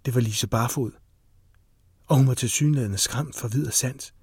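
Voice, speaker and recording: Casting: a man narrating a thriller, mid-pitched and husky, plain middle range. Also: no echo, clean studio sound. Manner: steady, tense storytelling. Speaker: audiobook narrator. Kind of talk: scripted narration.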